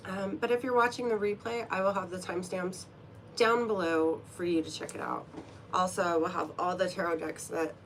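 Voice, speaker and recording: A woman with a fairly low, steady voice talks a little fast, sniffling through a cold. As a tarot reader streaming from home, she chats casually and playfully with viewers before a reading, laughing at her own jokes amid slight background noise.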